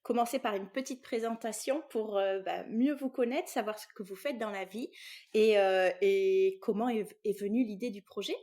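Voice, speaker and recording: A woman's voice: mid-range voice, moderate pace, mellow. A woman hosting an interview podcast, asking questions in a friendly, easygoing way. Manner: friendly questioning, easy laughs. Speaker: podcast host. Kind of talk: casual interview chat.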